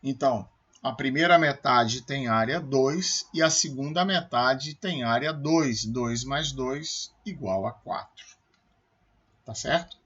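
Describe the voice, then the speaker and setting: A man's voice: mid-range voice, slow pace, a bit bright, husky, lo-fi sound. A man with a Brazilian Portuguese accent, a math professor giving a recorded calculus lecture, explaining step by step and checking with his students as he goes.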